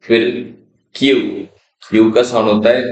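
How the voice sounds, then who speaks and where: A man's voice: medium pitch, level tone. A man teaching children phonics, patiently spelling words out letter by letter and explaining each one. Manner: spells words out slowly letter by letter, then gives the Hindi meaning; patient, checks in often with "theek hai". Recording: roomy, slightly dull sound.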